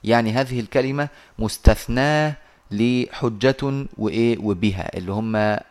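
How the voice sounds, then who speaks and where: A man teaching Quran recitation over a video call, patiently explaining and slowly reciting verses. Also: mid-range voice, darkish tone.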